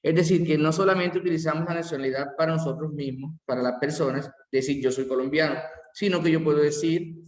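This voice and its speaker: A man teaching a language lesson, slowly repeating each word form aloud as he explains it. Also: on the high side, fairly even intonation, a little mellow. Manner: slow, careful, repeats word forms aloud. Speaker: French teacher. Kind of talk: bilingual classroom lesson. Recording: echoey hall.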